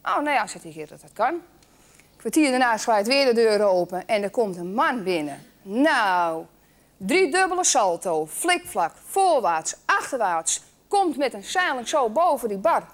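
Lady telling a circus bar joke, high voice, lively. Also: a little slow. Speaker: joke teller.

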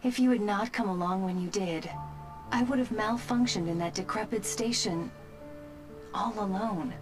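A woman's voice: medium pitch, normal speed, soft background music, lightly acted. A woman voicing a polite robot with a dying battery. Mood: tender farewell. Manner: formal, courteous machine speech. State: battery running out, shutting down. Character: dying female robot companion, polite, gentle. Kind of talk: video game voice acting.

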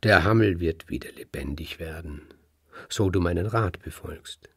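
Man voicing a hushed old grandmother sheep. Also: sits low, moderate pace, slightly rough, no echo, studio quality. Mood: earnest.

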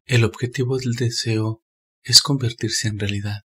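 A man calmly reading a scripted spiritual narration in a measured, steady way. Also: medium pitch, slightly rough.

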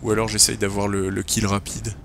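A French-speaking let's play gamer gives casual commentary on his run, thinking aloud in a relaxed way, a little fast, packed with fillers and stray English gaming terms. He has a cold, so his low, gravelly voice sounds slightly stuffed up, and the game music is clearly audible underneath.

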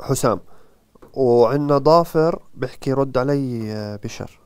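A man's voice: mid-range voice, normal speed, clean tone. A man with a Jordanian Arabic accent reading viewer comments aloud during a live lesson, in a playful, teasing way. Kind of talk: live stream chat.

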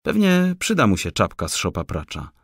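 A man's voice: on the low side, wildly swooping pitch, moderate pace, husky, dry recording, studio quality, heavily acted. Man voicing a teasing, bluffing forester. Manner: mocking, bluffing. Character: shrewd teasing male forester. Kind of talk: audiobook character voice.

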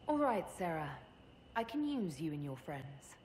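An actress playing a composed elf woman leader in a video game, speaking in a measured, direct and dryly wry way. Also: low voice, big pitch swings, darkish tone, in a large hall, a little hiss or hum. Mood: composed, probing. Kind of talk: video game character acting.

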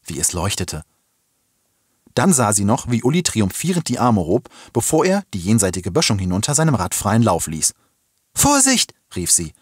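A man podcast host giving an expressive, dramatic reading of a novel excerpt. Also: fairly low pitch, normal speed, slightly rough, no echo, studio quality.

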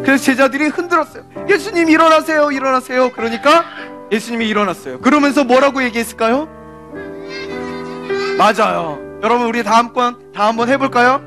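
A woman serving as a children's pastor gives an animated children's sermon. She tells a story, asks the children questions and acts out the scenes. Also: a little high.

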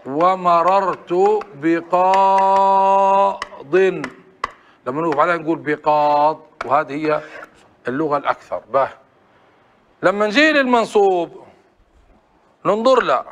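A man's voice: on the high side, expressive, moderate pace, long pauses, a bit bright. A man teaching a classroom grammar lesson, often asking the class short prompting questions. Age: adult.

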